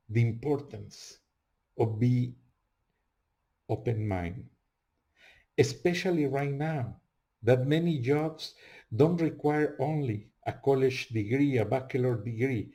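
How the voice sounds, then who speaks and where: A male host speaking English as a second language, with a heavy Spanish accent. He talks slowly and earnestly in a casual monologue, repeating phrases in broken English. His pitch sits in an ordinary middle range. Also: gravelly, dark tone, breathy edge.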